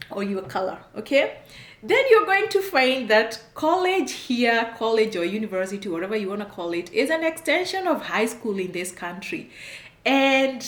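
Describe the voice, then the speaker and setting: Seated at home before a plain wall, with the camera on her desk, a middle-aged Kenyan-accented woman who works as an immigration consultant talks straight to viewers with blunt advice. Her fairly high voice echoes in the room as she hammers points home repeatedly, laughs a lot, and gestures while speaking.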